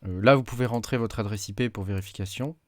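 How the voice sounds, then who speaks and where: A lower-pitched man talks through a computer tutorial in a relaxed, halting way, filling pauses as he clicks. His voice is close and dry at a desk mic, with keyboard typing now and then behind him. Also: dry recording. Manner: hesitant, many fillers, talks while clicking. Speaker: tech YouTuber. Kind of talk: casual screen-recorded tutorial.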